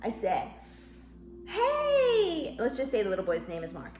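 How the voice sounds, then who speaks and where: A woman vlogging about parenting, telling a story to the camera in a casual, chatty way and acting out what people said. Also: fast talker. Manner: lively, acts out quoted dialogue in a higher voice. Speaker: mom vlogger giving parenting tips. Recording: echoey room.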